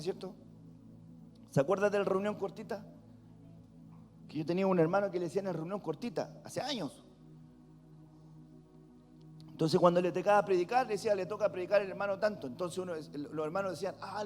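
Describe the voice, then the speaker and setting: Male Chilean pastor, high voice, emphatic and repetitive preaching, reverberant church hall. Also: a little mellow. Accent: Chilean Spanish. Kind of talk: sermon. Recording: long hall reverb with faint music.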